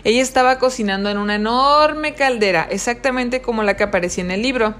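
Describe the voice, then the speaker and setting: A woman's voice: fairly high pitch, slight background noise. A woman reading a children's story aloud and asking the young listeners questions about it. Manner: warm questioning of the children, slow expressive reading.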